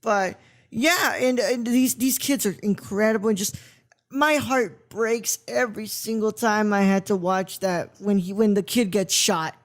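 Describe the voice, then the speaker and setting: A man's voice: high voice, unhurried. A man hosting a casual film discussion podcast, rambling and searching for words as he talks. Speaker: podcast host.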